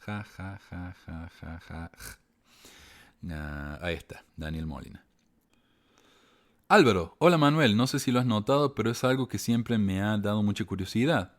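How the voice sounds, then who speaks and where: A man's voice: on the low side, a little mellow. A middle-aged man with an Argentine accent, hosting a live show, reading viewer comments and answering them casually, with wry asides, fillers and restarts. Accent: Argentine Spanish.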